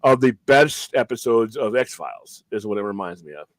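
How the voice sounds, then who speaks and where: A man co-hosting a podcast in casual chat, animated and emphatic, often repeating words as he talks. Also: on the low side, normal speed, no room sound, poor audio. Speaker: podcast co-host.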